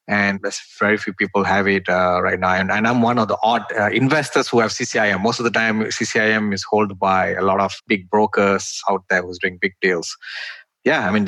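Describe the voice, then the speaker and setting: A man's voice: lowish voice, sharp tone, dry recording. A middle-aged man from Malaysia, talking as an interview guest in a chatty way, full of "you know" and "right?" tags. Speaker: guest, real estate investor. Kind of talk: interview conversation.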